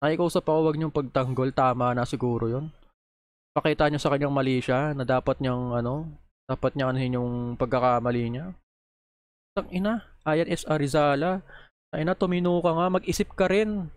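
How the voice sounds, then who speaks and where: Brisk and fairly even in intonation, a mid-range male voice rants and scolds with plenty of swearing as he reacts to posts on camera, positioned right up against the microphone.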